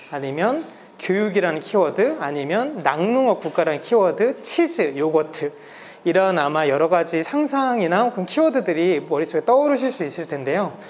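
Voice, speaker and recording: A man in his thirties from South Korea gives a polite, explanatory public lecture, slightly muffled through a face mask. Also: high-pitched. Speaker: guest lecturer. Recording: masked live talk with background noise.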